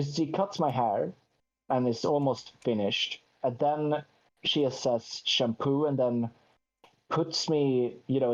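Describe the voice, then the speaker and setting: A man's voice: mid-range voice, a little mellow. Rambling man, dull lo-fi sound. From Sweden. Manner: rambling anecdote with self-mocking asides and quoted voices. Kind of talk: casual chat.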